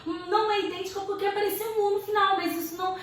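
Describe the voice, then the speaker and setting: A woman's voice: very high voice, flat delivery, fast, distant mic. A young Brazilian woman with a Brazilian Portuguese accent, teaching a literature lesson in a chatty, slangy way with playful asides. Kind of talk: casual video lesson. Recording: echoey room, voice from off-mic.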